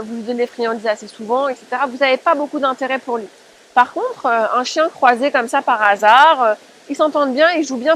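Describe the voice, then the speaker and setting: Woman w a high voice doing a casual how-to, talks right to you, asks questions then answers them. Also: fairly bright tone, a little hiss or hum, low-quality recording. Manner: explanatory, addresses listeners directly with rhetorical questions. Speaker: dog-training advice presenter. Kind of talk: informal spoken tutorial.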